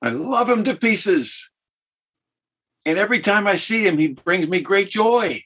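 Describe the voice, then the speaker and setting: A man's voice: high-pitched, expressive, unhurried, sharp tone, breathy edge, pitched above the performer's own voice, full character voice. A man voicing a beaming, doting heavenly father. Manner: exuberant, affectionate, plain-spoken. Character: joyful doting heavenly father, an adult man beaming over his son.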